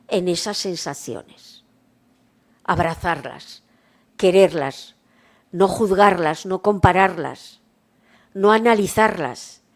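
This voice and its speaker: Brief: middle-aged woman from Spain, nurse teaching mindfulness, calm and unhurried, medium pitch. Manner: calm, unhurried, rhetorical questions to the class. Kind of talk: workshop lecture.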